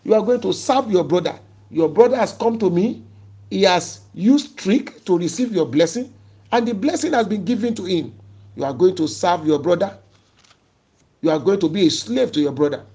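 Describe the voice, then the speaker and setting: A man's voice: sits high, expressive, normal speed, warm tone. A man preacher voicing an aged father in a retold scripture story, repeating his ruling insistently. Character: aged blind father, grieved and firm.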